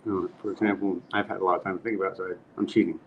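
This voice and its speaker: Low earnest man rambling on a podcast. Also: flat delivery, racing. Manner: rambling, earnest, laughs at own jokes. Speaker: podcast host. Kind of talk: casual chat. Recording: slightly muffled with faint noise.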